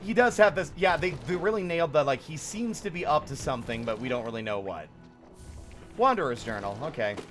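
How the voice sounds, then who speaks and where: A man streams a game with casual commentary, thinking aloud. His voice sits a bit high and moves around a lot, with music playing behind. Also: expressive, a little fast, fairly bright tone.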